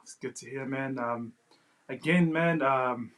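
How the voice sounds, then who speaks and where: A man's voice: medium pitch, measured pace, a bit bright. A man hosting an unscripted podcast interview in a hesitant, informal way, often saying bro and you know. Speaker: podcast host.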